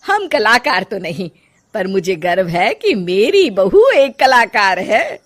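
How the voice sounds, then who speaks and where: A kindly older mother-in-law speaks with fond pride about her family, voiced by a woman narrator. Her pace is unhurried and her pitch lively. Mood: proud. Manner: affectionate. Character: warm older mother-in-law, proud and kind.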